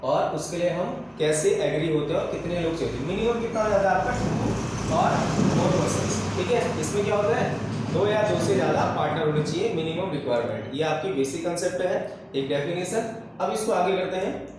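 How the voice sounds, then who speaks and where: A man's voice: high voice, lively intonation, a little fast, very noisy. A man teaching a commerce lesson, repeating key terms and checking in with "okay" and "right" after each point. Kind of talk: classroom lecture. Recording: very echoey room.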